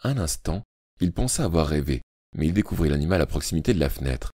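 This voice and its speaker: Deep-voiced man narrating an audiobook. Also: fast, breathy edge, no room sound, studio quality. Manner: expressive, dramatic storytelling.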